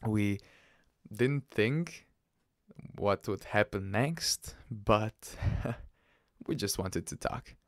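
A man hosting a podcast, telling a personal story in a halting, casual way with restarts and soft laughs. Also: on the low side, expressive, no echo, studio quality. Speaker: podcast host.

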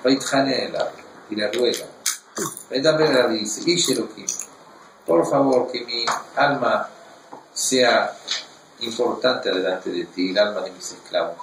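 A man teaching a Torah class, reading verses in Hebrew and explaining them in an animated way. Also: medium pitch, takes it slowly, reverberant, distant mic, slight background noise, rough recording.

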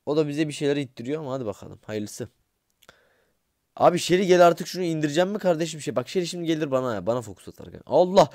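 A young man giving casual gameplay commentary, excitable and grumbling, swearing under his breath and talking straight to his viewers. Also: on the high side, quick pace, no echo, clean studio sound. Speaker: gaming YouTuber.

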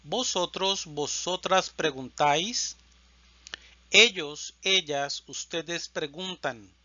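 A man teaching Spanish, reciting verb conjugations in a slow, deliberate drill and stressing each verb form. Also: a little high, bright, forceful tone, no room sound, lo-fi sound.

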